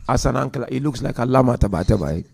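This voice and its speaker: A man's voice: mid-range voice, lively intonation, fast, creaky, darkish tone, slightly rough. A man giving a religious lecture to a congregation in a mosque, speaking directly and with animation to the audience.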